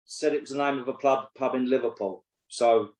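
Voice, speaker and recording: Brisk and steady at medium pitch, his tone is a little mellow. The man, in his 60s, is a co-host and pundit on a casual football podcast, opinionated, blunt, and free with curse words in casual chat. A roomy echo colors the recording.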